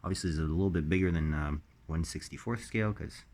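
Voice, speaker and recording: A diecast collector hosts a casual unboxing in a low, darkish voice that's slightly raspy as he recovers from illness. He halts often, filling gaps with lots of ums and uhs.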